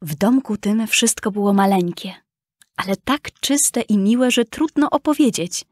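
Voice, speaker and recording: A woman narrating a fairy tale for children in a gentle, measured, expressive reading. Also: medium pitch, dry recording, studio quality. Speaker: storyteller.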